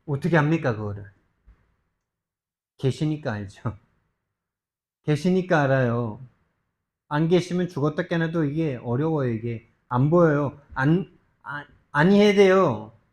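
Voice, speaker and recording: A male pastor preaching a sermon, emphatic and full of rhetorical questions, swinging between loud urgent stretches and soft low asides. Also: lively intonation, measured pace, pauses often. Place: church sanctuary.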